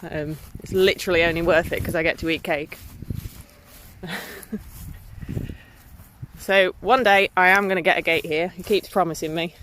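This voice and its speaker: A woman's voice: fairly low pitch, steady tone, fast talker, few pauses, a bit bright, a little hiss or hum. Chatty woman, slightly out of breath. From England. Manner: chatty, giggly, lots of ums. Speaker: smallholding vlogger. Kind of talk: casual vlog to camera. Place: outdoor field on a farm.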